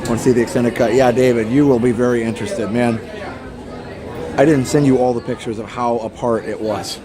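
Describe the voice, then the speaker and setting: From a busy public transit station at a theme park, a man hosts a live stream, chatting with viewers in an easygoing, conversational way. His mid-range voice is steady and brisk, set against a loud, bustling crowd.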